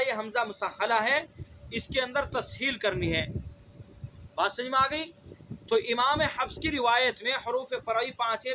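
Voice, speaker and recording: High, bright-voiced male tajweed teacher. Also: slight background noise. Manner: explains step by step, repeats words slowly, asks checking questions. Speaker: Quran recitation teacher. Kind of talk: online tajweed lesson.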